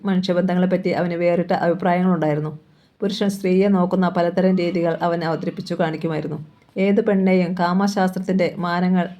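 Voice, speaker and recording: A woman reading a novel aloud in a steady, expressive narration. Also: lowish voice. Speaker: audiobook reader.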